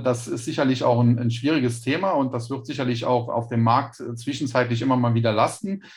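A man speaking as a podcast guest, explaining things at length with frequent hesitations. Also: mid-range voice. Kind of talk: casual interview chat.

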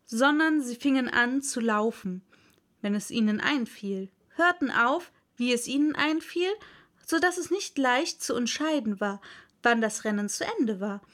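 Woman reading a storybook aloud, slow and calm, high voice. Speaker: audiobook reader. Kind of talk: storybook narration.

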